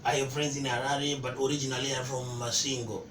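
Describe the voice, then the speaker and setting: A man from Zimbabwe, a chef, speaking in a relaxed, chatty way in a casual interview. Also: medium pitch, quick pace. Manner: relaxed, chatty, addresses host as bro. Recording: echoey, distant, noisy.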